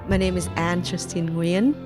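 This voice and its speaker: Speaking at a normal speed with a lowish voice and little pitch movement, a woman in her forties remembers growing up in Vietnam while music plays in the background. Her unscripted memoir as a migrant is reflective, peppered with ums, likes and sentence restarts.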